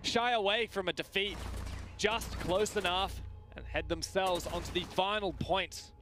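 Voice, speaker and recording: A man calls a live esports match. His voice sits a little high and his delivery is keen and excitable. There is clear noise behind him. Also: measured pace. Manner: excitable, with exclamations at big plays; self-confessed nerdy enthusiasm. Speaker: esports commentator. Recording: clearly noisy background.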